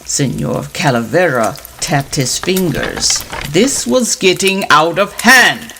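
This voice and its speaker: A woman storyteller reads a trickster tale in a slightly low voice. She takes it slowly, with dramatic emphasis and very animated intonation. There is faint noise behind her. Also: vocal fry.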